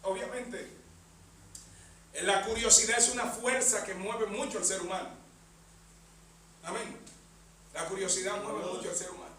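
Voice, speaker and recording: Bright, high-pitched male preacher, constant amens, recorded from a distance in a reverberant church with a faint hum. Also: fairly even intonation, moderate pace, pauses often. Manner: punctuates phrases with amen and bendito sea el Señor. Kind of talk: sermon. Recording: echoey church hall, mic far off.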